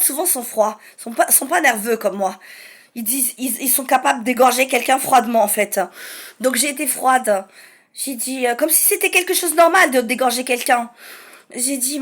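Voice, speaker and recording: High-pitched woman, halting testimony. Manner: animated, acts out dialogue; halting, with many restarts. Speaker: storyteller. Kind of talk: personal testimony to camera.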